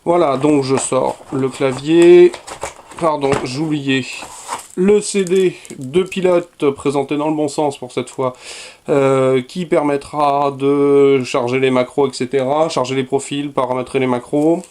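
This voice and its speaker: A man's voice: mid-range voice, fairly even intonation, unhurried, darkish tone, a little hiss or hum. A man casually unboxing and reviewing a keyboard, chatty with many fillers and self-corrections. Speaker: product reviewer.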